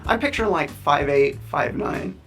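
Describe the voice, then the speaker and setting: A man's voice: on the high side, lively intonation, moderate pace, a bit bright, faint music behind. A man, a photographer, talking eagerly and earnestly in an interview confessional.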